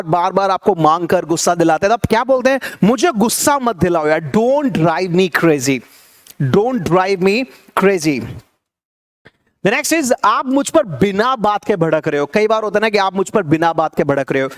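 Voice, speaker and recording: A man teaching spoken English, explaining quickly and then repeating each phrase slowly for learners to say along. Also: sits high. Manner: quick conversational explanations between drills.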